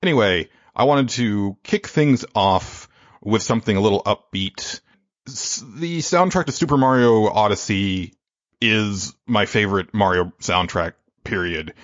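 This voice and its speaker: A man with a deep, low voice hosts in a deliberate radio-presenter manner, now and then stopping for a filler. He sits close to the mic in a dry, slightly muffled recording. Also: no echo. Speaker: podcast host.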